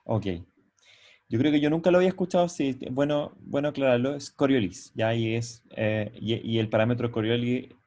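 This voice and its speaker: A male lecturer teaching a class over a video call, speaking into a computer microphone. His pitch sits in the middle of the male range. He talks his way through each idea, pauses to ask whether everyone is following, and restarts phrases as he goes. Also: fairly even intonation, a little mellow. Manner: explanatory, often checks in with "¿ya?"; halting, with frequent restarts. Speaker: university lecturer. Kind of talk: online university lecture. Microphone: computer mic on a video call.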